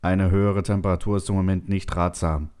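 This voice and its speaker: A man voicing a calm, flat ship computer. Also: low-pitched, smooth, natural voice. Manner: flat, measured, formal. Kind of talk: audiobook voice acting.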